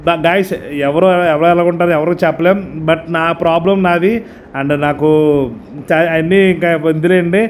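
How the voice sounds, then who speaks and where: A man's voice: a little high, steady tone, normal speed, a little hiss or hum. A man casually addressing his viewers as a vlogger, mixing in English words. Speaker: vlogger and amateur cricket player. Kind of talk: casual vlog introduction to viewers.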